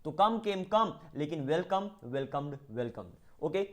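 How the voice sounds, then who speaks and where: High-voiced teacher. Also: male voice, expressive, measured pace. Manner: recites verb forms in a singsong rise and fall; explains in mixed Hindi and English, asking if it is clear. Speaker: English teacher. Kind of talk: online spoken-English class.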